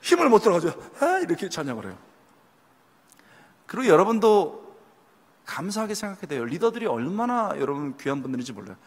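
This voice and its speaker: A man preaching a sermon to young adults, telling stories with lively delivery and acting out people's lines. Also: high voice, fast talker, long pauses, husky. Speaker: pastor. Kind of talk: sermon at a youth retreat. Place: church sanctuary. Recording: long hall reverb.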